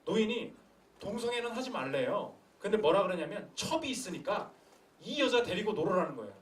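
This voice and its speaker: A young man preaches a sermon in a high voice, posing rhetorical questions and acting out quotes. He is recorded from a distance, in an echoey church with faint room sound behind him. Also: fairly quick. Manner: animated storytelling with acted quotes and rhetorical questions. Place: church sanctuary.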